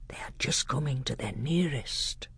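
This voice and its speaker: A man voicing an old male scholar tutor who speaks low, slow, hushed and grave in a storybook reading. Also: expressive, gravelly, husky, dry recording, in a whisper, exaggerated voice. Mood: solemn, hushed.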